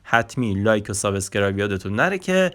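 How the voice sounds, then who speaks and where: Lowish-voiced man teaching slow phrase drills. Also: very animated, fairly bright tone. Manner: says Turkish phrases very slowly and repeats them, then explains fast. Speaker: Turkish language teacher. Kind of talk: online language lesson.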